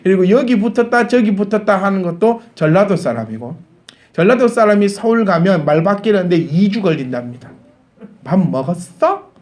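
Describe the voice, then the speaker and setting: A man, a pastor with a Gyeongsang accent, preaching a Sunday sermon to his congregation, building to emphatic peaks and joking along the way. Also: high-pitched. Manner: animated, rising to emphatic peaks, laughs with the congregation. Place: church sanctuary.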